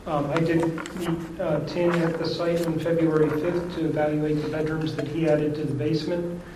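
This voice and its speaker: A man, a township zoning official, giving a measured, procedural report at a public hearing. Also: on the high side, flat delivery. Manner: measured, procedural, some restarts. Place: township meeting room. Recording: echoey meeting room, faint hum.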